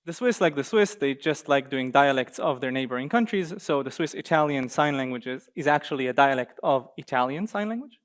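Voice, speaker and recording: A young man from Israel giving a conference talk on slides in a university seminar room, lively and joking with the audience now and then. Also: medium pitch, brisk, hardly any pauses. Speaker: guest speaker.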